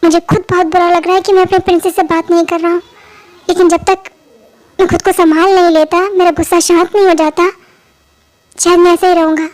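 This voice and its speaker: A woman's voice: extremely high pitch, level tone, brisk, a little mellow. A woman voicing a stern, angry father who speaks harshly in a fan-made audio drama dub. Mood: weary. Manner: harsh, cold, scolding.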